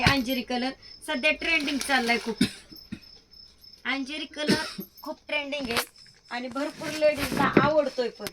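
A woman's voice: high voice, very noisy. A woman, sweet-talking and eagerly praising sarees in a shop vlog. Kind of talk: lively sales vlog.

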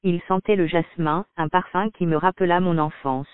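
A man calmly reading a first-person story in an audiobook, on dry, tinny phone-like audio. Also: sits high, clear, resonant tone, no room sound. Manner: calm, measured reading. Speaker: audiobook narrator. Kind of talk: scripted first-person narration.

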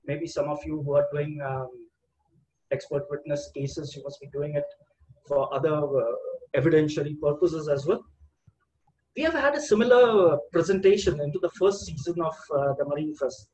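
A man's voice: fairly high pitch, normal speed, a little mellow, low-quality recording. An older man giving an online seminar presentation over a video call, with a headset mic and a hesitant manner full of "uh" and repeated words.

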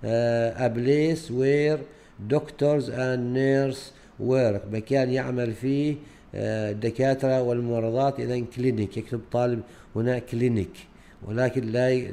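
Mellow-voiced Gulf Arabic male teacher. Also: mid-range voice, steady tone, normal speed, vocal fry. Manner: switches between Arabic explanation and English words, many hesitations. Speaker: teacher explaining a grade-four English unit. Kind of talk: recorded lesson walkthrough.

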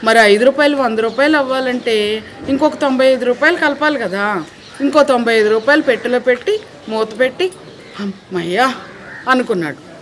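A woman narrating a children's moral story in a lively, expressive way. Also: fairly high pitch, normal speed, a little hiss or hum.

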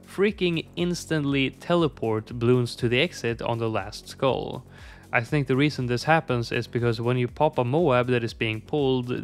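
A man's voice: medium pitch, a bit bright. A man giving scripted, opinionated video game commentary as a content creator, with wry exaggeration.

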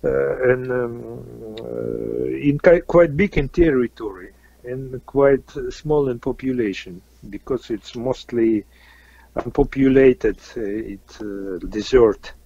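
Halting man guest with a Russian accent, very slow delivery, dull dry recording. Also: medium pitch, lively intonation, gravelly, mellow, slightly rough, dry recording. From Kazakhstan. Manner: halting, many fillers and restarts. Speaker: interview guest, musician. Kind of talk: casual interview answers.

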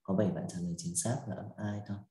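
A man's voice: sits low, steady tone, fast talker, warm tone. A man teaching English pronunciation, going over quiz answers patiently, step by step, and often checking with his students. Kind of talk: online quiz review lesson. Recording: echoey room with faint music.

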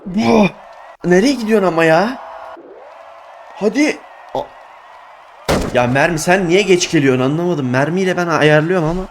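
A young man giving excitable let's play commentary, exclaiming and groaning at his failures. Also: high voice, moderate pace, long pauses, slight background noise. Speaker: gaming YouTuber.

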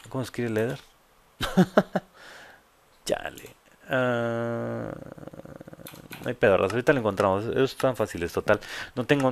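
A man's voice: mid-range voice, vocal fry, slight background noise. Slangy Mexican gamer guy. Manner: casual, slangy, crude and joking. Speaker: gamer host. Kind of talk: let's play commentary.

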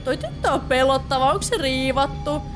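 With music playing behind her, this woman speaks in a high-pitched voice while casually narrating her horror game playthrough for YouTube. Talkative and jumpy, she keeps dropping English exclamations into her commentary.

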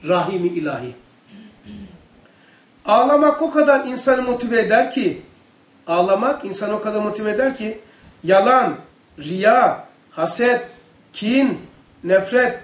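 A man giving a religious study lesson, asking his listeners questions as he goes. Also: high voice. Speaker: religious teacher. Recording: echoey room, distant mic.

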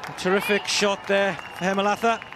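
A man giving live cricket commentary, rising to shouts at the big moments. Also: high-pitched, steady tone, brisk. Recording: broadcast mic over loud stadium crowd and noise.

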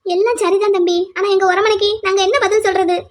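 Here is a woman playing a worried middle-aged mother in a cartoon drama, fretting over what others will say. Her voice is pitched very high, and she pleads rather than commands. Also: level tone, fast talker. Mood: fretful. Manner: fretful, pleading.

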